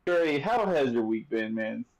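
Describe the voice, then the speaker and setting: A man's voice: medium pitch, lively intonation, a little slow, low-quality recording. Casual, joking man hosting a sports podcast. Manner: loose and joking, with many fillers and restarts. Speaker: podcast host.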